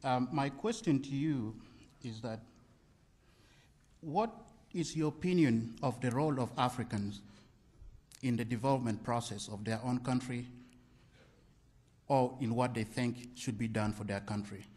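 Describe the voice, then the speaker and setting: A man's voice: medium pitch, unhurried, pauses often, a little mellow. Earnest man from Uganda asking a question. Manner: earnest, long-winded question. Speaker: audience member asking a question.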